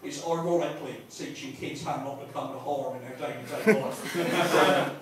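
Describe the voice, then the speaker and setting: A man with an English accent and a fairly high pitch does stand-up at a little pub comedy club, rambling, swearing, and halting to repeat himself as he strays from his point. Audience laughs and room noise fill the background of this roomy, noisy, distantly miked live recording.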